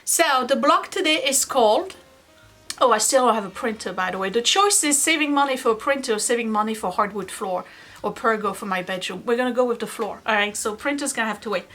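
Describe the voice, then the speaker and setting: A woman's voice: fairly high pitch, lively intonation, brisk, fairly bright tone, faint music behind. A woman hosting a quilting series, talking casually and wandering into self-deprecating asides as she explains. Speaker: host of a quilting video series. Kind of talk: casual tutorial chat.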